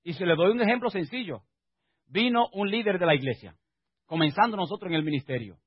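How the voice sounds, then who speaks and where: A male pastor preaching a sermon, swinging from quiet asides to emphatic exhortation and firing rhetorical questions at the congregation. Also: sits high, lively intonation, brisk, breathy edge, no echo, highs cut off.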